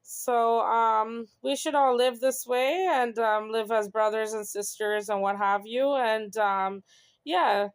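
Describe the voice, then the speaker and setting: Earnest young woman, smooth voice. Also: on the high side, steady tone, slow pace. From Canada. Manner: earnest, reflective, rambling with many "you know"s. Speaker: host. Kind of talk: casual personal monologue.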